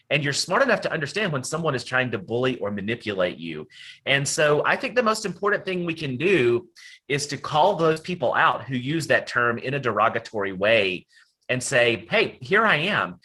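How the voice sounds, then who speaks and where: Man, Appalachian accent, bright forceful tone, informal online presenter, discursive, folksy academic wording. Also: medium pitch, rough recording. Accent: Southern Appalachian. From Southern Appalachia, United States. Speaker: academic presenter, college dean. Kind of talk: informal online talk to participants. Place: at home, on a video call.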